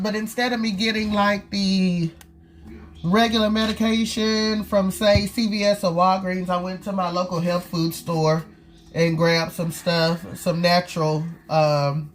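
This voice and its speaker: A woman's voice: on the low side, flat delivery, a little slow, slight background noise. A woman with a stuffy, nasal voice from a cold, chatting casually to viewers as she cooks in her home kitchen. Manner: chatty, talks straight to viewers while cooking. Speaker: cooking vlog host. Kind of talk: casual cooking chat.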